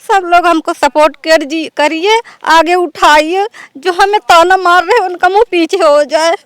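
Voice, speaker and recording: A woman's voice: very high-pitched, steady tone, a little slow, dry recording. A woman who speaks plainly and defiantly, as an interviewee. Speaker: interviewee, wife making comedy videos. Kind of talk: casual interview talk.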